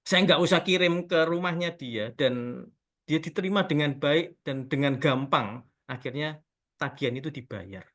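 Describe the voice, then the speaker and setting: A man telling a testimony story in a relaxed, conversational way, often addressing his listeners as friends. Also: a little high, normal speed. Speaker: speaker giving a testimony.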